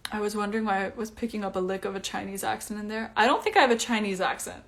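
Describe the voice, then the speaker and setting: Speaking quickly in a mid-range voice, a young Icelandic singer chats casually at home during a phone livestream. She answers comments breezily, with lots of fillers.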